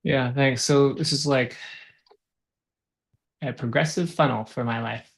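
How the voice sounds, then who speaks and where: A man's voice: medium pitch, a little slow, vocal fry. A man hosting a casual chat, asking curious, playful questions.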